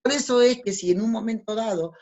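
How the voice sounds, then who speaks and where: A woman's voice: a little high, fairly quick, a little mellow, dull audio. A woman gives a lecture with slides as a spiritual teacher. She teaches didactically, asks rhetorical questions and answers them herself, and often adds tag questions.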